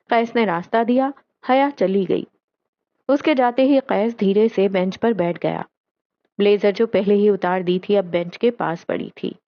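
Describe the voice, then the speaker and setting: A woman reading a novel aloud as an audiobook narrator, in slow, measured scripted narration with quoted dialogue. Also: medium pitch, dry recording, muffled recording.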